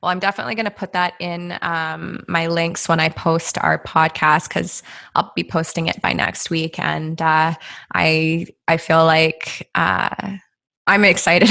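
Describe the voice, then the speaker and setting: A woman's voice: lowish voice, creaky, a bit bright. A woman hosting a podcast, chatting enthusiastically with her guest, often stopping and restarting her sentences. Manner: enthusiastic, halting, repeats herself. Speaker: podcast host. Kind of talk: casual interview chat.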